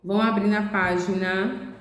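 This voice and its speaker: A woman's voice: medium pitch, measured pace. A woman teaching a class of young children, explaining each step patiently and checking often that they follow. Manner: patient, explains step by step, ends phrases with "certo?". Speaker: preschool teacher. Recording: echoey room.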